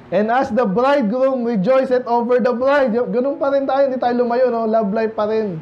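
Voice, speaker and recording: High-voiced Filipino preacher joking with the flock. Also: male voice, moderate pace, highs cut off. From Philippines. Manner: conversational, joking with the congregation. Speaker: pastor. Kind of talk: midweek Bible study sermon. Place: church.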